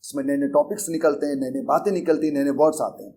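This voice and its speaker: A middle-aged man with an Indian accent gives a lesson in an earnest, conversational way, blending English words into his Hindi. His voice sits a touch high. He circles back over his points as he explains them. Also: fairly even intonation, fast talker, warm tone, a little hiss or hum. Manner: earnest, repetitive, conversational teaching with English terms mixed into Hindi. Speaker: English teacher and coaching institute founder. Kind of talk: Hindi lecture on learning English.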